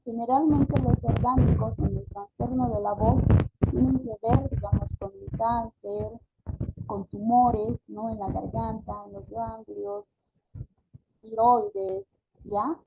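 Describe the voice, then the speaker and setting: A woman from Bolivia teaches an online postgraduate class in a slow, halting way, full of fillers and tag questions. Her voice sits a little high and has a gravelly fry. It comes through dull, lo-fi video-call audio with a clear layer of background noise. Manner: demonstrates syllables and words aloud. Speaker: lecturer.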